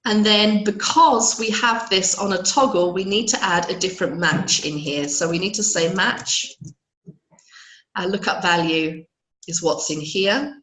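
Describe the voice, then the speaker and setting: Croaky woman teaching a spreadsheet webinar. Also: mid-range voice, measured pace, fairly bright tone, echoey room, poor audio. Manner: explains step by step, reads out attendee questions. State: croaky, unwell voice. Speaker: Excel trainer. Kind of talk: live webinar tutorial with Q&A.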